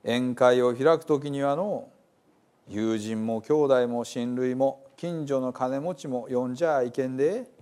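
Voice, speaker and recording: A man with a Hiroshima dialect voicing Jesus as a calm male teacher telling parables. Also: medium pitch, a little slow, close to an everyday voice. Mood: advising.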